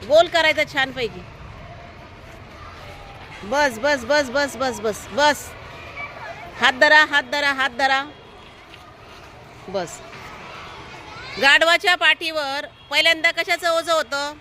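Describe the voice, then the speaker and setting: A woman teacher with a high, bright voice tells a story to a class of young children. She keeps firing questions at them and coaxes answers out of them, giving firm, cheerful instructions. Faint children's chatter and street noise sit behind her. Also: slow pace, pauses often. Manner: asks the children constant questions, coaxing answers. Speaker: primary school teacher. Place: school, with outdoor traffic noise behind.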